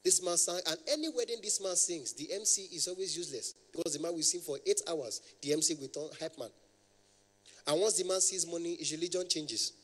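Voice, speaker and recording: A man's voice: a little high, fairly quick, big-room sound. A young adult man with a Nigerian accent, doing stand-up comedy as an event MC, playful and formal with the audience.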